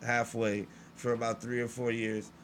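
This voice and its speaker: A man's voice: mid-range voice, flat delivery, normal speed, a bit bright, a little hiss or hum. A man hosting a live stream, talking in a casual, slangy way with many restarts. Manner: laid-back, slangy, talks in restarts. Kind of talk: casual chat.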